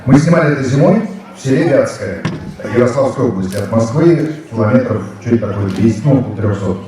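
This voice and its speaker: An actor in his fifties, a guest speaker at a school, tells rambling anecdotes full of fillers to students in a large hall. His medium-pitched voice is expressive and fairly quick, with a crowd audible behind him. The sound is echoey, picked up by a distant mic.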